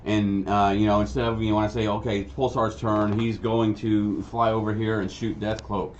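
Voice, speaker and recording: A man's voice: lowish voice, level tone, normal speed, a little hiss or hum. A man chatting casually as host, rambling and storytelling about running tabletop games. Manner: rambling, many restarts, storytelling. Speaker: game master and crafting host. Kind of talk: casual chat. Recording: dull lo-fi sound, faint ambience.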